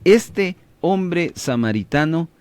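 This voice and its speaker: A man's voice: a little high, expressive, takes it slowly, darkish tone, clear, resonant tone, dry recording. Emphatic radio Bible teacher, man. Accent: Latin American Spanish. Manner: preachy, emphatic, asks listeners questions. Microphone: studio microphone.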